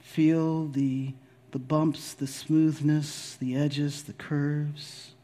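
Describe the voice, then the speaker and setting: Guy doing guided meditation, really slow and soft-edged, lots of pauses, soothing and affirming. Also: a little high, flat delivery. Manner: affirming, gently instructive. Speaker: spiritual leader guiding a meditation.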